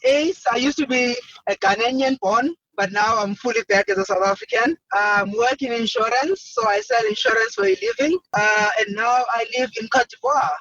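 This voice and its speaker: A man who sells insurance, speaking as a guest in an animated, joking way. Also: very high-pitched, normal speed, highs cut off.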